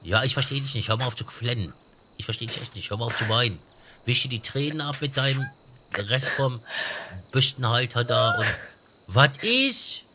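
A man's voice: medium pitch, fairly quick, bright, forceful tone, a little hiss or hum. A man chatting in a game roleplay, joking and teasing bluntly. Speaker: streamer playing a roleplay character. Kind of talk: casual in-game roleplay chat.

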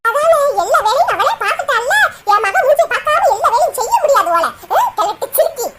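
A woman's voice: very high voice, very animated, fast talker, fairly bright tone, exaggerated voice. A woman voicing a doting, fretful mother in a cartoon, lamenting and soothing in Kanyakumari Tamil. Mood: indignant. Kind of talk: cartoon voice acting.

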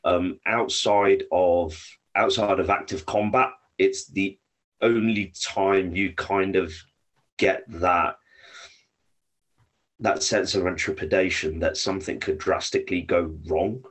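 A man's voice: low-pitched, fairly even intonation, takes it slowly, fairly bright tone, husky. A man with an English accent, a podcast guest telling rambling stories and swearing freely. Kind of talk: casual storytelling.

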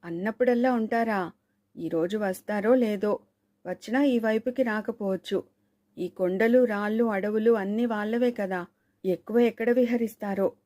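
A woman's voice: medium pitch, moderate pace, mellow, natural voice. A woman reading the lines of a cautious, uneasy learned man who scolds his companion in anxious tones in a storybook thriller.

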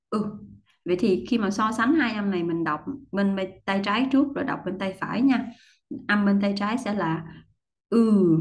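A woman teaching English pronunciation, explaining patiently step by step and repeating model words, often clearing her throat. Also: medium pitch, darkish tone. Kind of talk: pronunciation lesson.

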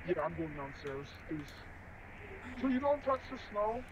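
A man talking through a voice changer filter in an excitable, playful way during casual game chat. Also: sits high, measured pace, dull audio, noisy background. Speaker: gamer.

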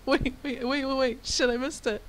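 A woman's voice: sits high, moderate pace, low-quality recording. Giggly, swearing woman playing a game. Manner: laughs often, swears, excitable reactions. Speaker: let's player. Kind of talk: casual game playthrough, reading and reacting.

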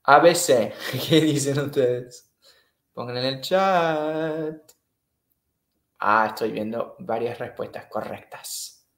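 A man's voice: mid-range voice, slow, fairly bright tone, reverberant. A man teaching English in a live online class, patiently repeating and checking in with the students. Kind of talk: live-streamed online lesson.

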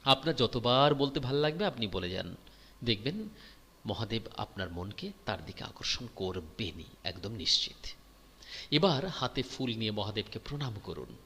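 A man giving devotional instruction, guiding listeners through worship and chanting mantras in slow, drawn-out tones. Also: fairly low pitch, sing-song, fairly bright tone, breathy edge. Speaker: religious teacher. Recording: long hall reverb.

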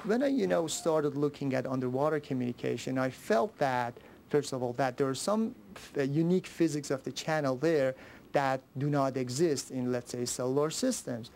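A man in his thirties or forties, a researcher, explaining his work haltingly in an interview. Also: mid-range voice, vocal fry, a little mellow, slight background noise. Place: small book-lined office. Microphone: handheld interview microphone.

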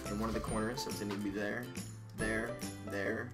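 A man's voice: lowish voice, little pitch movement, brisk, loud music behind the voice. A young man hosting a video in a casual, chatty vlog style. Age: teens or young adult. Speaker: video host. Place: small bedroom indoors.

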